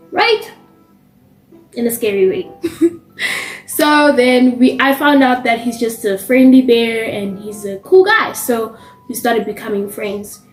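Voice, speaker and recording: A young woman from South Africa tells a story in a casual vlog, her voice pitched high, and she plays out the quoted lines with lively jumps in pitch. The room sounds echoey, with soft music running underneath. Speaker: vlogger. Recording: roomy with faint music behind.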